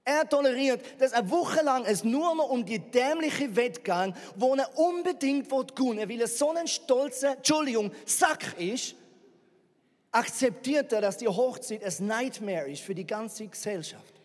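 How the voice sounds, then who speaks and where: A man, preaching a sermon as a lively, sarcastic Bible retelling full of rhetorical questions. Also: extremely high pitch, unhurried. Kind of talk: sermon storytelling. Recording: reverberant hall.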